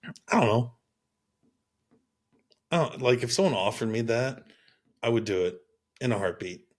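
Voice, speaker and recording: A man's voice: mid-range voice, expressive. A man in his thirties co-hosting a podcast in casual chat, teasing his partner and laughing often. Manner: teasing, laughs often, quick agreeing interjections. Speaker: podcast co-host.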